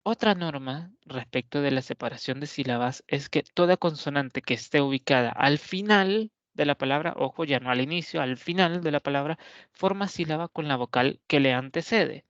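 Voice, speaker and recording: Guy teaching a recorded class, calm explaining, keeps checking in, muffled laptop mic. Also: on the high side, no echo. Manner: measured, explanatory, frequent "¿verdad?" check-ins. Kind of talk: pre-recorded online lecture. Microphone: laptop or webcam mic, camera switched off. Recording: dry, dull lo-fi recording.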